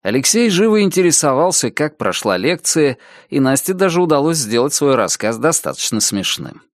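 A man narrating an audiobook in a steady, low-key reading. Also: moderate pace, no echo, clean studio sound. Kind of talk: scripted narration.

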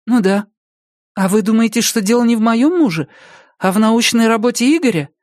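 A guarded, doubtful woman, as a male reader puts her on. Her voice climbs higher and swings widely. The sound is dry and close. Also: lively intonation, normal speed, no echo. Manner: doubtful, defensive, raised voice. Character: wary middle-aged woman, widow of sorts, guarded. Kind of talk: audiobook character voice.

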